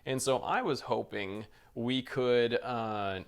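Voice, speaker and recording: A man's voice: medium pitch, slow, clean tone. A man hosting a podcast, interviewing his guest in a casual, playful, joking way. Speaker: podcast host.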